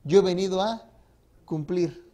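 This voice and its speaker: A man's voice: sits high, a little slow, mellow. A man, a pastor preaching a sermon to his congregation in a church, with emphatic rises and drops and frequent rhetorical questions. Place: church sanctuary.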